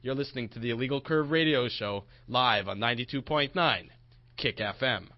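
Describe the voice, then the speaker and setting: Chatting casually in an upbeat announcer manner, a sports radio host promotes upcoming broadcasts in a mid-range voice at a moderate pace. The lo-fi broadcast sounds dull, with faint music and a little hiss or hum.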